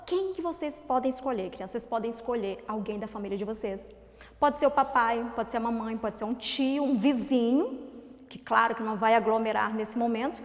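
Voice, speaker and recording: Animated Brazilian teacher, echoey room. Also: female voice, on the high side. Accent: Brazilian Portuguese. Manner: animated, sing-song teacherly coaxing. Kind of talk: recorded remote lesson for children.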